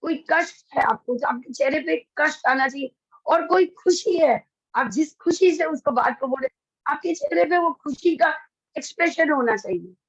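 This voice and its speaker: A woman teaching students communication skills in Hindi, lively and expressive, acting out example lines and mixing in English phrases. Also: high-pitched, moderate pace, no echo, lo-fi sound. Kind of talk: lecture to students.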